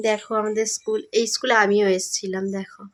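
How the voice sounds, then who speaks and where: A woman's voice: mid-range voice, flat delivery, quick pace. A young woman with a Bengali accent, vlogging in a casual, chatty way to her viewers on a phone camera. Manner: chatty, addresses viewers as friends. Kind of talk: casual vlog chat.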